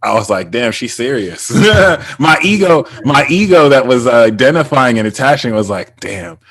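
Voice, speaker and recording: A man's voice: medium pitch, sing-song, moderate pace, fairly bright tone, slightly rough, no echo. A man hosting a casual spiritual conversation, rambling with many fillers and restarts. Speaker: podcast host.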